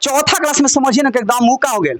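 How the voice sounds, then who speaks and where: A man's voice: very high-pitched, fast talker, a loud crowd. A man with a Bhojpuri-inflected Hindi accent, a Sanskrit teacher leading a classroom lesson. He drills students in call-and-response, chanting word forms in a sing-song way and coaxing them with jokes. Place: classroom with children.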